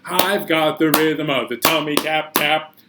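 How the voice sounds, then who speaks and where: Heavy background noise surrounds a man whose voice sits on the high side and moves a little slowly. He is a librarian hosting a children's storytime, reading and singing animated stories and songs playfully and expressively, with sudden emphasis.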